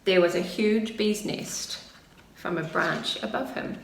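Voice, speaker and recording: A middle-aged woman with a lowish voice reads a picture book aloud to preschoolers, narrating expressively at a measured pace. She's in a small, plain indoor room, picked up by a camera a short distance away, and the sound is roomy with faint background noise.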